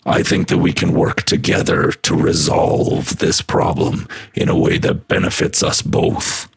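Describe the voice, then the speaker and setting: A man's voice: a bass voice, level tone, measured pace, vocal fry, heavily acted. A man voicing an ominous robot doctor from a video game, grumbly and tube-like, through a robotic filter with a small echoing reverb. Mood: ominous, composed. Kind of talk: video game character lines.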